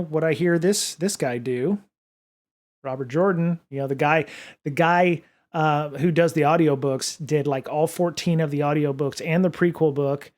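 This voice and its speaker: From his home studio, a man hosts a casual livestream using a desk studio microphone, his voice a little high and a little mellow. The podcast and livestream host rambles through viewer comments with many fillers and restarts.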